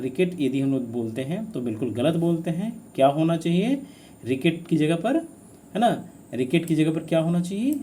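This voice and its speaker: A man teaching a grammar lesson for exam students, with a voice that rises and falls a lot. He keeps asking "what should it be?" and answers it himself, repeating each key word. His tone is mellow, and faint noise sits behind him. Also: fairly high pitch. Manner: asks students questions then answers them; repeats key words for emphasis.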